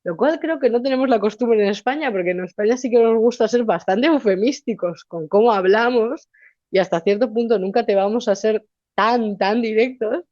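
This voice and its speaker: In a casual interview, a young adult woman from Spain with a Valencian Spanish accent talks in a lively, chatty way and frequently starts over. Her voice is a little high and moves at normal speed, captured in a muffled recording with no echo.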